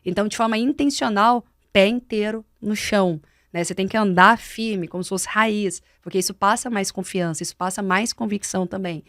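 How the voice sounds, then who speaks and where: Speaking in a Brazilian Portuguese accent, a woman mentor lays out speaking techniques on a podcast, emphatic and instructive. Her medium-pitched voice is a bit bright, at a moderate pace with few pauses, in clean, echo-free studio sound.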